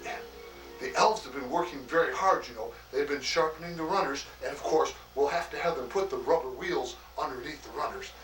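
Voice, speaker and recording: A man playing a hearty, fatherly old Santa Claus in an acted greeting monologue, chuckling often and talking in a slow, homely way full of "oh" and "why". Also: on the high side, fairly bright tone, roomy sound, distant mic, soft background music, close to an everyday voice, poor audio. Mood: jolly.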